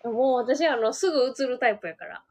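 Woman, slightly high voice, teasing sidekick in casual chat. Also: darkish tone. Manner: teasing, quick back-channel replies, laughs often. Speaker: podcast co-host.

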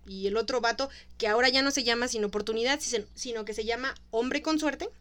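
A woman's voice: fairly high pitch, fast talker. Laughing Mexican woman telling a story. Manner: animated storyteller, laughs often, acts out voices. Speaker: podcast co-host. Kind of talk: casual chat retelling a story.

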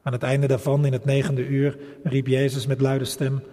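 A man leading a service as pastor, first speaking plainly and then reading scripture aloud in a calm, measured way with occasional hesitations. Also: medium pitch, big-room sound.

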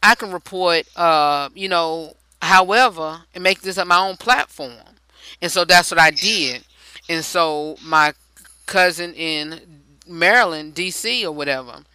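A man's voice: high voice, a little slow, sharp tone, clear, resonant tone, no room sound, low-quality recording. A man hosting a talk show in a casual interview, chatty and rambling and often restarting his sentences.

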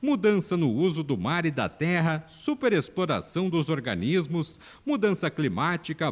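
A man presenting a farming programme in formal, scripted announcer narration. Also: on the high side.

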